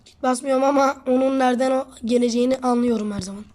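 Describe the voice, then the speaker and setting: This gamer's voice is high and a little mellow, with fairly even intonation and a quick pace. Hosting her channel, she casually comments on her play, teases a teammate, talks to viewers, and says she's feeling sick.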